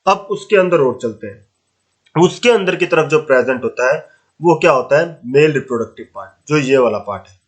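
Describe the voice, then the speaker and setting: A man's voice: on the high side, expressive, brisk. Male teacher, question-and-answer style. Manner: asks rhetorical questions and answers them himself; mixes English terms into Hindi speech, casual and encouraging. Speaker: science teacher. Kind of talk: classroom lesson explaining flower parts.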